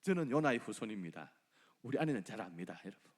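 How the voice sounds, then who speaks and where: A middle-aged man with a Gyeongsang Korean accent preaching a sermon as pastor, with animated delivery and dramatic quoted voices. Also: lowish voice, quick pace, slightly rough, in a large hall. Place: church sanctuary.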